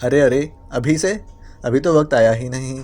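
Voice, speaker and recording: A man's voice: medium pitch, darkish tone, lightly acted. A man voicing a playful young male spy who talks in a mock-pitiful, whining way. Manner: whiny, mock-pitiful clowning.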